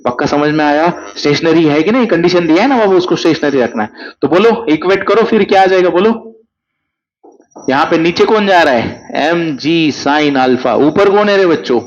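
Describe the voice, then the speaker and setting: A man's voice: on the high side, lively intonation, moderate pace, muffled recording. A male physics teacher, coaxing students through exam problems with constant questions. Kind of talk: exam crash-course lecture.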